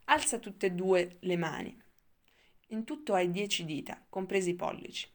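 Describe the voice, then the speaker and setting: A woman's voice: lowish voice, moderate pace, close to an everyday voice. A woman reading the lines of a rambling, wistful old grandfather in an audiobook. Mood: patient explaining. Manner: wistful, lecturing.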